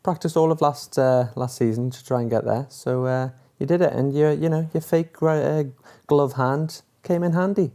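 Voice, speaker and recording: A man's voice: fairly high pitch, moderate pace, hardly any pauses, mellow. A man chatting casually to camera about a TV episode, joking as he goes with lots of fillers. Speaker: TV episode reviewer.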